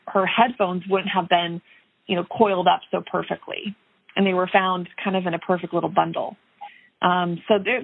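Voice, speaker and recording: A woman's voice: on the low side, creaky, husky. A woman investigative reporter talking through a case in a remote news interview, conversational with many fillers and restarts. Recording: tinny phone-like line.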